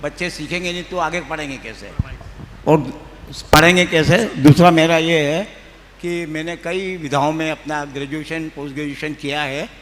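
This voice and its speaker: A man's voice: on the high side, fairly even intonation, moderate pace, a bit bright. An older man, a retired medical teacher, asks an earnest, emphatic question. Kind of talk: formal question. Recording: long hall reverb.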